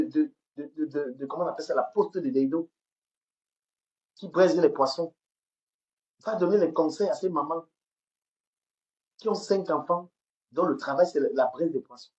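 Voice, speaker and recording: A woman's voice: deep voice, a little mellow. A woman delivers a heated livestream rant into her phone. She repeats phrases and stammers as she pushes on, and the audio is dull and lo-fi. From Cameroon. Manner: heated, repetitive, stammers on words. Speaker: livestream host. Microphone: phone camera.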